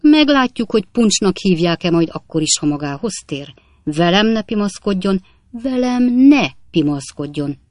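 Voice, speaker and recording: A woman's voice: deep voice, expressive, no echo, clean studio sound. A woman voicing a pompous bellowing old captain. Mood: raging. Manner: barking, bullying commands. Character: pompous blustering male landowner captain, middle-aged.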